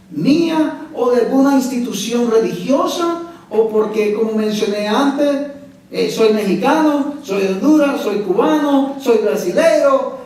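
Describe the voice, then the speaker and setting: A man's voice: very high voice, a little mellow. A man preaching a sermon as pastor, emphatic and often asking the congregation questions. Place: church sanctuary. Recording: echoey church hall from far off.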